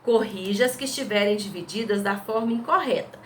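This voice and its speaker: A female teacher, Brazilian Portuguese accent, patiently goes through exercise answers step by step during a recorded remote lesson, frequently checking her pupils follow. She speaks at medium pitch and a little fast, with a faint hiss or hum.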